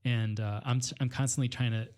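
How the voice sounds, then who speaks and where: A man from northwestern Illinois talks as a guest on a podcast, thinking aloud. He is hesitant and searching, with frequent fillers, restarts and small self-corrections. His voice sits at an ordinary middle pitch for a man. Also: steady tone, brisk, darkish tone. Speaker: guest poet and teacher. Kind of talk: reflective conversation.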